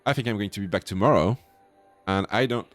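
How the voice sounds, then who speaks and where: A man from France with a French accent chats casually as a livestream host, sometimes halting as he searches for words. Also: on the low side, faint music behind.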